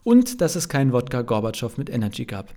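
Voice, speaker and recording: A man's voice: mid-range voice, sing-song, brisk, mellow. A man reading his own novel aloud as a podcast, narrating in the first person with a dry, wry tone. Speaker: author reading his book.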